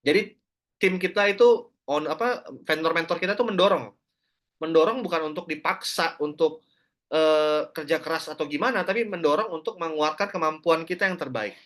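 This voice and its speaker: A man's voice: fairly high pitch, brisk. A man giving a motivational network marketing talk, speaking straight to his listeners and acting out the voices of people he quotes. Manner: animated, acts out quoted voices, addresses listeners directly.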